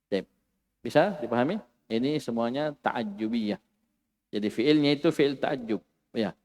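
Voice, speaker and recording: A man teaching an Arabic grammar lesson in a classroom, lively and animated, acting out exclamations for his students. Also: medium pitch, unhurried, in a large hall. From Indonesia.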